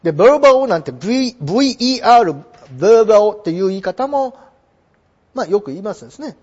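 A man's voice: high-pitched, very animated, fairly quick, darkish tone, breathy edge. A middle-aged man teaching English vocabulary in a polite, explanatory way, full of fillers and small digressions. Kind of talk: lecture on English phrasing. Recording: dull lo-fi recording.

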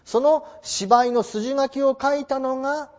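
Heard on a dull, lo-fi recording, a man lectures a class on traditional theatre in a polite, explanatory way, asking rhetorical questions. His voice is very high-pitched and darkish in tone, and he keeps a measured pace.

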